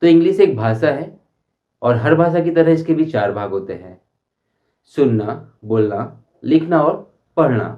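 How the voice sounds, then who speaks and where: A man teaching a spoken English lesson, explaining slowly and deliberately and repeating his examples. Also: a little high, expressive, lo-fi sound. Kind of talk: Hindi-language English lesson.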